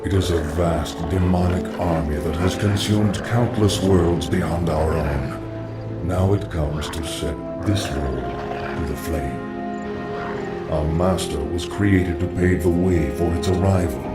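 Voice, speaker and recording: A man voicing an ancient, solemn undead lich with a hollow rasp, in a video game. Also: low voice. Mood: grave, knowing. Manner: solemn, portentous, measured. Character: ancient undead lich, reborn servant of a dark king. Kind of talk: video game cutscene acting. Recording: echoing distant voice under loud music.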